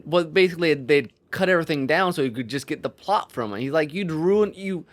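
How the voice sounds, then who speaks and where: Co-hosting a podcast, a man with a voice on the high side talks informally about storytelling. He halts and explores, working his thoughts out aloud and often restarting mid-sentence.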